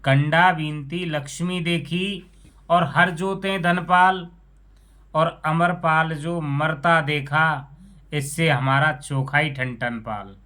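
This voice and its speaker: A man's voice: a little high, steady tone, slow pace, pushed and bright. A man doing an earnest village farmer. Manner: earnest, explaining.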